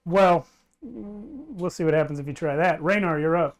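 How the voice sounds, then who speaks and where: Easygoing, higher-voiced man running the game. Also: expressive, normal speed. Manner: easygoing, teasing. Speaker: game master. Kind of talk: casual tabletop game running. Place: home room.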